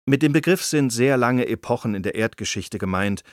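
A man's voice: medium pitch, expressive, a little fast, no room sound, clean studio sound. A man reading nonfiction in a scripted, engaged storytelling manner. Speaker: narrator.

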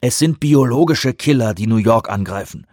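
A man voicing a blunt, combative male CIA director in an audiobook reading, brusque and forceful. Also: mid-range voice, lively intonation, normal speed, no echo, clean studio sound, natural voice.

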